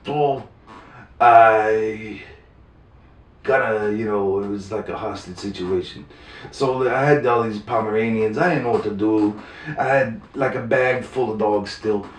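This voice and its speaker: A man telling a story in a casual, rambling, profane way, full of halting restarts. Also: fairly low pitch, distant mic. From New York City. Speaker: storyteller guest. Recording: roomy sound, voice away from the mic.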